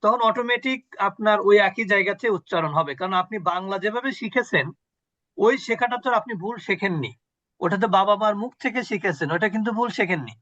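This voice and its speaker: A man's voice: high-pitched, lively intonation, quick pace, sharp tone, dry recording, muffled recording. A man teaching an online Quran recitation class on a video call, patiently quizzing his students and repeating sounds for them.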